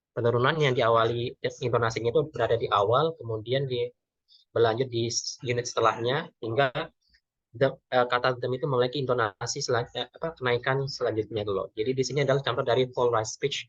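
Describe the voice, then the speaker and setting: Young man, Indonesian accent, student presentation, halting with fillers, muffled lo-fi sound, dead dry room. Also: mid-range voice, steady tone, a bit bright, no echo. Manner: hesitant, many fillers and self-corrections. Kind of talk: class presentation. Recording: dull lo-fi dry recording.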